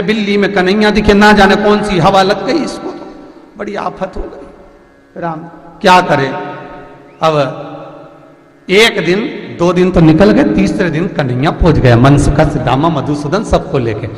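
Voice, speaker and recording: A man, a preacher telling a devotional story in a lively, folksy and dramatic way, in a large hall. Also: high voice. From central India. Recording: echoey hall with faint music.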